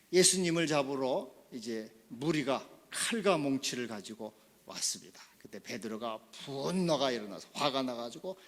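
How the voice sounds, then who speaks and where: A man preaching a Sunday sermon as pastor, impassioned, with loud emphatic peaks, in a church sanctuary. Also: mid-range voice. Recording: long church hall reverb.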